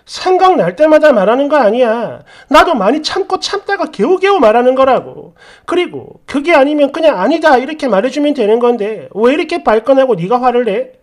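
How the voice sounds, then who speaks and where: A woman's voice: high-pitched, big pitch swings, brisk, few pauses. A woman voicing a hurt, exasperated wife who pleads and accuses with a raised voice in an acted story dialogue.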